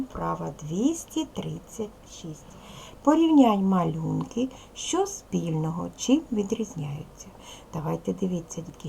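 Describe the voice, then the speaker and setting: Slow gravelly woman teaching young children. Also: lowish voice, darkish tone, slight background noise, low-quality recording. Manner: slow, clear, patient, addressing children with questions. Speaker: primary school teacher. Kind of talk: video lesson for young children.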